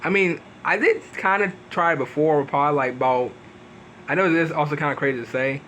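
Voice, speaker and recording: A man's voice: fairly quick, a bit bright, slight background noise, poor audio. A man giving casual gameplay commentary for his video channel, rambling with lots of fillers and restarts. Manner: rambling, leans on "pretty much" fillers and restarts; sudden upward pitch jumps for emphasis. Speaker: gaming video host.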